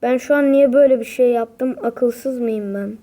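High, mellow young woman playing games. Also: normal speed. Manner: dramatic, exasperated, repeats exclamations. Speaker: gaming video creator. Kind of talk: casual gameplay commentary.

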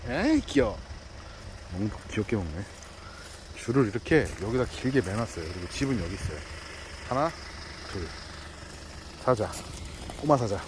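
A man's voice: on the low side, expressive, normal speed, long pauses, noisy background. A male delivery driver in a casual vlog, cooing and teasing two small dogs outdoors in baby talk. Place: outdoors at a house yard.

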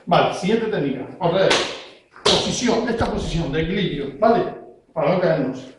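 A man's voice: on the high side, expressive, normal speed, heavy background noise. A man, a self-defense instructor demonstrating techniques step by step and checking in constantly with his learner. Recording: very echoey room.

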